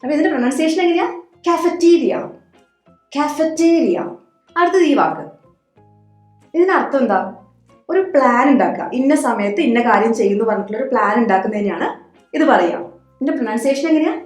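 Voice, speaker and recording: A woman teaching English pronunciation, patiently repeating each word slowly. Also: sits high, darkish tone, echoey room. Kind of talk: Malayalam-language English pronunciation lesson.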